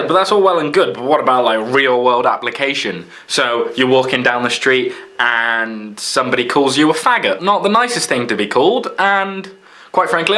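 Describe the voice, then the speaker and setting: A young British man delivers an unscripted vlog monologue in a bright, forceful voice at a middling pitch. He sounds blunt and sarcastic, swears freely, and his voice keeps leaping up as he mimics other people mockingly. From Britain. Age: young adult. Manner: animated, swings into mocking quoted voices. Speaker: vlogger.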